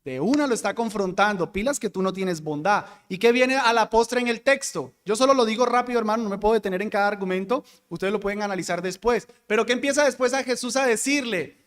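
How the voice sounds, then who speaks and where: High-voiced man teaching Bible class. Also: fast talker, few pauses, a bit bright, long reverb tail. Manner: explanatory, asks the class questions and answers them.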